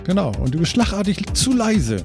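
A man's voice: sits high, very animated, fairly quick, music in the background. A man hosting a casual podcast chat, rambling and joking loosely. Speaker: podcast host.

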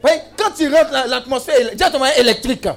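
A man's voice: extremely high pitch, fast talker, vocal fry. A man preaching a sermon, exclamatory and teasing, with call-and-response to the congregation. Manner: humorous asides and teasing.

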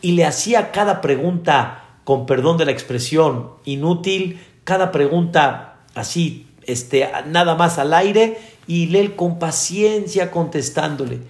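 A man delivers a sermon as a rabbi, his voice pitched a bit high and his delivery slow and deliberate. He tells stories with animation, often turning to his listeners with rhetorical questions. The recording echoes in a roomy space. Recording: echoey room.

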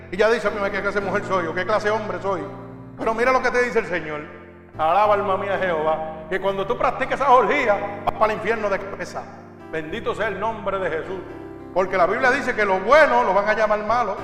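A man preaching a fiery sermon as pastor, his voice swelling loud on his calls to the congregation. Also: sits high, echoey room, in a large hall. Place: church hall.

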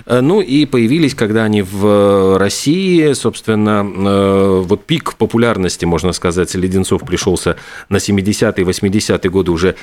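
Man, low voice, co-host, halting trivia chat, lots of fillers. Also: darkish tone. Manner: hesitant, halting, many fillers. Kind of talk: casual chat reading out trivia.

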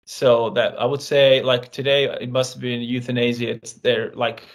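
A man's voice: medium pitch, little pitch movement, normal speed. A man in an interview, chatting casually about music, laughing often and swearing offhand. His is not English, and he has kids. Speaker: band member, guest.

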